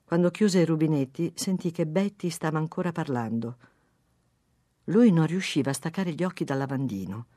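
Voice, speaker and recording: An audiobook reader giving a calm, expressive narration of a story. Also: medium pitch, normal speed, no room sound, studio quality. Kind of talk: scripted narration.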